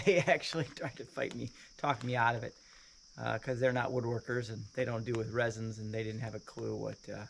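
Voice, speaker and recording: A man's voice: medium pitch, vocal fry, slight background noise, poor audio. A man hosting a casual walkthrough vlog, chatty and plainspoken, talking from a basement under a lifted house. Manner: chatty, plainspoken, with frequent "uh" fillers. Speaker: woodworking channel host.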